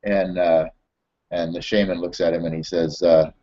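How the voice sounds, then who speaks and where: Man, deep voice, motivational trainer, repetitive and halting, muffled lo-fi recording. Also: flat delivery, mellow. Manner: repetitive, halting, many fillers and restarts. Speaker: network marketing trainer. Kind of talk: storytelling and motivational training recap.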